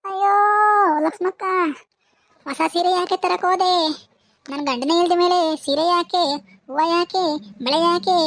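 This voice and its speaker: A woman's voice: extremely high pitch, moderate pace, long pauses, no room sound. A woman voicing a grieving elderly village widow in a cartoon, lamenting in rural Malnad Kannada with repeated cries. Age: older. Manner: wailing lament, repeating phrases. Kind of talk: animated cartoon voice acting.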